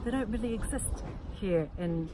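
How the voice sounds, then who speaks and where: A woman's voice: mid-range voice, expressive, moderate pace, background noise. A woman from New Zealand, a guest in a casual interview, explaining things in a chatty way with frequent yeahs.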